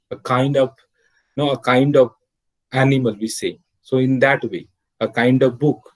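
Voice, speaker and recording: A man's voice: mid-range voice, low-quality recording. Man lecturing over a video call. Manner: explains step by step with many "means", "okay" and "uh" fillers. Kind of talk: online literature lecture. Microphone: computer or headset mic on a video call.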